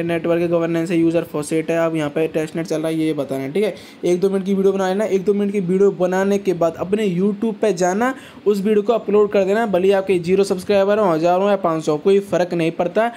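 A man's voice: high voice, mellow, a little hiss or hum. A man giving a casual step-by-step walkthrough, chatty, often checking in with viewers and calling them brothers. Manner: chatty, repeats "ठीक है" and addresses viewers as brothers. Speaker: crypto tutorial YouTuber. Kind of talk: casual screen-recorded walkthrough.

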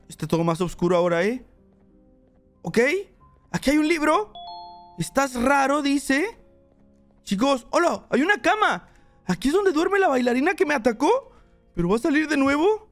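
A young man giving excited let's play commentary, chatting to his viewers as he plays. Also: extremely high pitch, moderate pace, pauses often, faint music behind. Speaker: gaming channel host.

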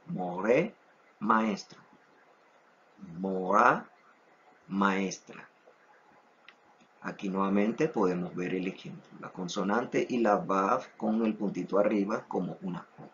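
Slow, deliberate male Hebrew teacher. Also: low-pitched, a bit bright, slight background noise. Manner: slow, deliberate, repeats each word three times. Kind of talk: online class lesson. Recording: dull lo-fi recording.

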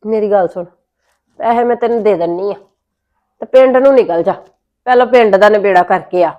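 A woman's voice: mid-range voice, a little fast, warm tone, lo-fi sound. A woman with a Punjabi accent playing an exasperated elder sister who scolds and complains. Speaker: elder sister in a family drama. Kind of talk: Punjabi web-series acting.

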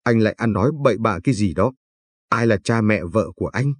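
A man's voice: fairly low pitch, fairly quick, breathy edge, dry recording. Man reading as a snappish young village woman. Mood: annoyed. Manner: scolding, snappish. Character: grumpy young village woman, sharp-tongued.

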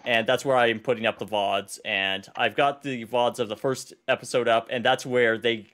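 A man running a livestreamed tabletop game as game master, talking in a halting way with fillers and restarts. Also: medium pitch, steady tone, a bit bright.

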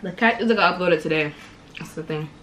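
Eating dinner at home in her kitchen, a young woman vlogger chats casually to a camera set close in front of her on the table. She talks fast in a lowish, slightly bright voice. The poor audio carries a little hiss or hum.

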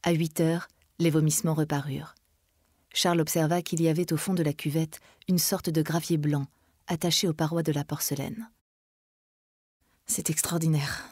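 A woman reads a classic novel aloud in a measured, dramatic way. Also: low-pitched, level tone, darkish tone, no room sound, studio quality. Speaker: reader. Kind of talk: literary reading.

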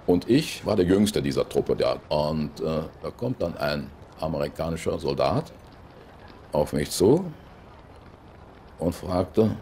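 A man's voice: very deep voice, animated, warm tone, a little hiss or hum. A man in his eighties from the Rhineland, with a Rhineland accent, telling his memories plainly in an interview at home. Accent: Rhineland German. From Rhineland, Germany. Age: 80s. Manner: plain, unhurried storytelling with small tags. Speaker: eyewitness interviewee. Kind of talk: recollecting in an interview. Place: living room at home, indoors.

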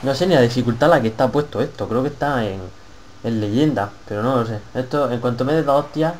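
A young man with a Spanish accent from Spain commentates excitedly on a wrestling game, swearing rowdily and taunting his opponent in a let's-play style. His voice sits at medium pitch and moves quickly. The audio is poor, with a little hiss or hum.

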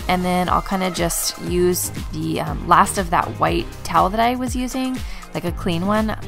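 A woman's voice: on the low side, normal speed, gravelly, music in the background. A woman in her thirties, a stay-at-home mom and vlogger, chatting casually in a voice-over about her cleaning, with plenty of fillers. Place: bedroom at home.

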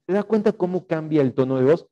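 A young man with an Ecuadorian Spanish accent teaches an online class over a video call, speaking fast in a fairly high, warm, expressive voice. The sound is lo-fi, and he explains and dictates notes with lots of fillers and rhetorical checks.

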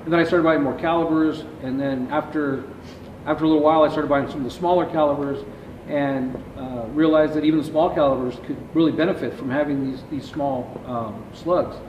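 A middle-aged man answers interview questions about his business at length while gesturing with his hands. His voice is a little high, and it is picked up by a distant camera in a large, echoey warehouse. The audio is dull, with clear background noise. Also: fairly even intonation, fairly quick. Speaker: ammunition company founder, interview guest. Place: large warehouse with shelving, indoors.

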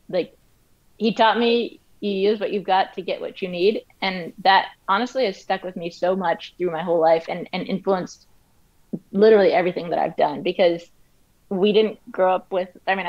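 Rambling woman woodworker on dull audio. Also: fairly low pitch. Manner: rambling, frequent fillers and restarts. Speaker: woodworker and guest. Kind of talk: casual interview chat. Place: home office and wood shop.

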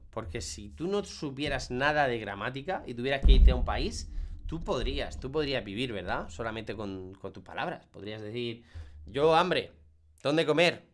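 Man, language teacher; medium pitch, animated and demonstrative, repeats words to drive points home. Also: normal speed. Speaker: English teacher. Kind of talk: online class explanation.

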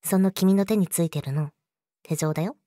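A woman's voice: fairly low pitch, moderate pace, mellow, no echo, clean studio sound, natural voice. A woman playing a young, clingy yandere girlfriend in an intimate audio drama, sweet and eerily obsessive, coaxing the listener. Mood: teasing, eerily sweet.

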